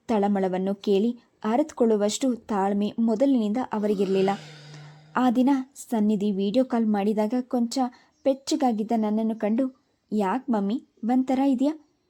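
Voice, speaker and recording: Female storyteller, steady and reflective, very dark, mellow tone. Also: mid-range voice, normal speed. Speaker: narrator. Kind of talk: storytelling narration.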